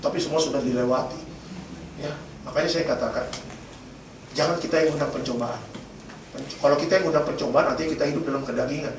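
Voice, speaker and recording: A man's voice: medium pitch, fairly even intonation, quick pace, vocal fry, long pauses. A man preaching a sermon as pastor, telling stories with humor and addressing the congregation directly. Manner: storytelling with humor, addresses congregation as Bapak Ibu. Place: church. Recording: echoey church hall from far off, noisy.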